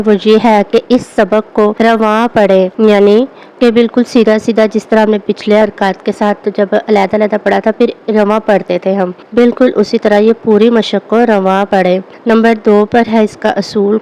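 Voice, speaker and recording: A woman teaching a spoken tajweed lesson. She explains quickly, then drills each syllable slowly and clearly, often stopping to check that the learner is following. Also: medium pitch, warm tone, rough recording. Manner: says 'ٹھیک ہے' often to check along. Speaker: Quran reading teacher.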